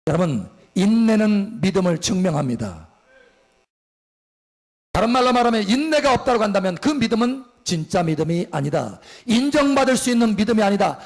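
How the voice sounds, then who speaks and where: Male pastor, sermon in church. Lively, swooping delivery, gravelly edge, quizzes his flock. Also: high voice. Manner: asks the congregation questions and answers them; emphatic, swings from soft to loud.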